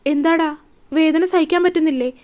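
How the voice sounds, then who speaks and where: A woman's voice: high-pitched, steady tone, brisk, a little mellow, natural voice. A woman reading as a stern young husband. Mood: tender. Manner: firm, scolding, then tender.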